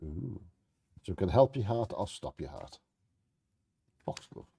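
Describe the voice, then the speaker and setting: A man's voice: low voice, big pitch swings, a little slow, creaky, mellow, husky. A man co-hosting a bingo game, reading scripted trivia aloud in a playfully theatrical storytelling way.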